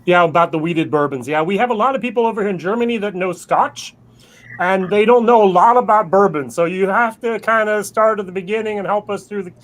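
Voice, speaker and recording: A man's voice: high voice, brisk, rough recording. A man hosting a casual online tasting and interviewing the guests. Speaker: host.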